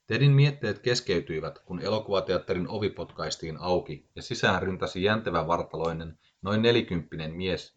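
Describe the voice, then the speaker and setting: Deep-voiced man reading a story. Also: a bit bright, highs cut off. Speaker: narrator. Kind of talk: scripted audiobook narration.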